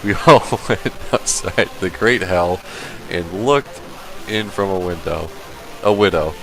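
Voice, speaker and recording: A man doing a comedic read-aloud of a badly written story, deadpan and halting as he stumbles over the text. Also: low voice, vocal fry. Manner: slow, halting, deadpan reading broken by laughter. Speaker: stream host reading a fan fiction aloud. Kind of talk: comedic dramatic reading.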